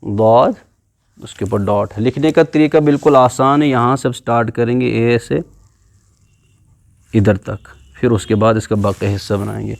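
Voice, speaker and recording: A man's voice: mid-range voice, steady tone, creaky, no echo. A man with a Pakistani Urdu accent teaching a classroom video lesson on the Quran, patiently explaining letter by letter and drawing out sounds to demonstrate them.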